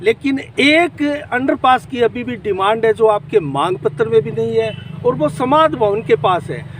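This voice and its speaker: A local news reporter pressing a politician with direct questions and reporting live from a farmers' protest site outdoors. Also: male voice, very high voice, expressive, normal speed. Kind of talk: street interview and on-the-spot report. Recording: busy street crowd and noise.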